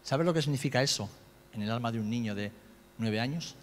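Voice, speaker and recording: Spanish preacher in a reverberant hall. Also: male voice, fairly quick, slight background noise. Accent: Spain Spanish. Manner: swings from loud, high-pitched outbursts to low, quiet storytelling. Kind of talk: sermon.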